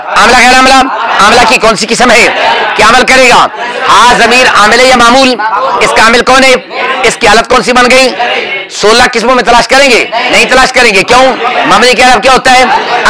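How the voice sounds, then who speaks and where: A man teaching a classroom grammar lesson, drilling his students with rapid questions and calling out answers. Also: extremely high pitch, rough recording. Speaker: religious teacher.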